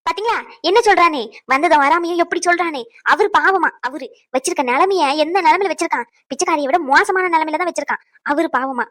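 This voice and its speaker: A woman's voice: very high voice, fast. A woman voicing an indignant middle-aged cartoon mother who complains in a scornful way. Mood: bitter.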